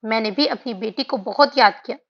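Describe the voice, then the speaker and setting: A woman's voice: fairly high pitch, a little fast. A woman reading a doting mother. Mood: loving. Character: loving middle-aged mother, doting. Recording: dull lo-fi audio.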